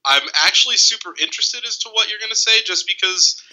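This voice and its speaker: A young man hosting a casual podcast chat, telling animated stories and swearing freely. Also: high-pitched, fast talker, low-quality recording. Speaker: podcast host.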